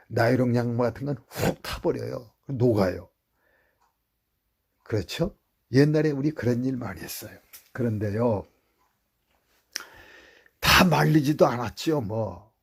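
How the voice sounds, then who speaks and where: A male pastor preaching a sermon in a church, telling stories and swinging between hushed prayer and loud appeals. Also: medium pitch, measured pace, vocal fry, pauses often, slightly rough.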